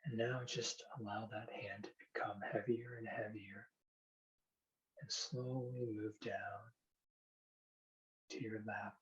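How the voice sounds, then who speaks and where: A man with a fairly low voice works as a hypnotherapist. He gives gentle, soothing guidance in an unhurried way, as in a hypnosis session. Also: highs cut off. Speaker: hypnotherapist demonstrating a hand induction. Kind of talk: guided hypnosis and explanatory talk.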